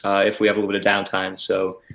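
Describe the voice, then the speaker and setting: A man co-hosting a livestream in casual chat, relaxed and talkative, laughing often and using lots of filler words. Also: low-pitched, quick pace, creaky, a little hiss or hum. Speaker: livestream co-host. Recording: roomy echo.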